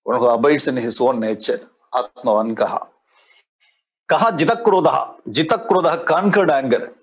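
Wearing a lapel mic in a studio before a display board, this sixty-something teacher explains Sanskrit scripture at normal speed. He has a South Indian accent and a husky, medium-pitched voice, keeping it conversational with repeated phrases and examples from daily life.

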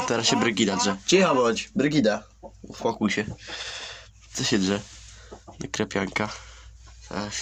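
Man, lowish voice, casual poultry vlog in an outdoor farmyard, audible hen noise behind. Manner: chatty, swears casually, coaxes and scolds his hens. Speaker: poultry keeper vlogger. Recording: outdoor camera audio, clear farmyard noise. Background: clucking hens and a crowing rooster.

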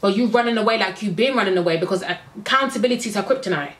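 A woman's voice: medium pitch, racing. A woman recapping a reality show in a casual, blunt and opinionated way, with exasperated asides. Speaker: reality TV reviewer. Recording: echoey room.

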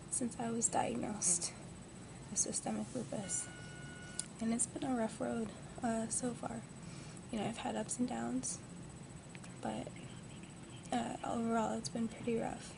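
A young woman of twenty speaks in a groggy, subdued way, slightly high-pitched with a creaky edge. Her delivery stays flat, like someone chatting casually to a vlog camera from bed. The amateur webcam audio has clear noise. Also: takes it slowly, long pauses. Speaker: vlogger. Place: lying in a hospital bed indoors. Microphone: built-in device mic at close range.

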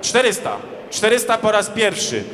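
High-pitched male auctioneer in echoey hall. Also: big pitch swings, moderate pace. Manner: auctioneer's chant, repeated bid calls. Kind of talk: live auction calling. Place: large indoor sports hall, on stage. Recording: echoey hall PA with crowd noise.

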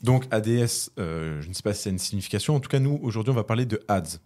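Male podcast co-host, brisk and rather low-pitched, playful explainer tone. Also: lively intonation, warm tone. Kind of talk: casual podcast chat.

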